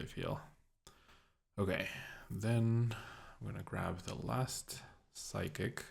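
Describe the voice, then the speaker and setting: A man's voice: vocal fry, slightly rough. A young man casually commentating his own card game as he plays, thinking aloud with a dry, sarcastic streak. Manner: low-key, dryly sarcastic, thinking aloud. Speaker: gameplay commentator.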